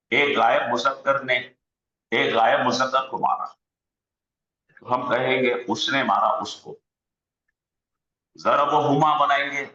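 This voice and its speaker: Man teaching a grammar class on a video call, bright voice, slow and steady. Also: mid-range voice. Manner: slow, drilling word forms aloud. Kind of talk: online grammar lesson. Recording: dull echoey room sound.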